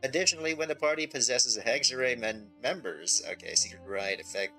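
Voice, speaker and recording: A man streams a game, chatting casually as he thinks out loud, reads on-screen text, and poses questions to himself. His mid-range voice is fairly quick, pushed, and bright, with music playing in the background.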